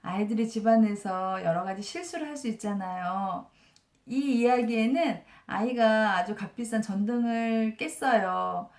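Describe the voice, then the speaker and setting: A woman in her forties talks through a parenting book in a calm, explaining manner, as an elementary school teacher would. Her voice sits at a middle pitch, and the room around her gives it a noticeable echo. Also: unhurried. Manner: calm, explanatory, uses many soft fillers. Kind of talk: explanatory book review talk. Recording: roomy echo.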